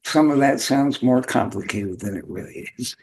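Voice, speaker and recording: Male show host, hoarse and gravelly, mid-range voice, loose halting delivery, talks informally to the audience. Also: mid-range voice, darkish tone, slight background noise. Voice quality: hoarse, beat-up voice.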